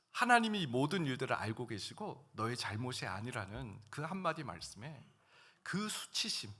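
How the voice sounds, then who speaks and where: Male pastor, middle-aged, animated pitch, bright tone, storytelling sermon in church. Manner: personal storytelling, emotional swings from hushed to loud. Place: church sanctuary.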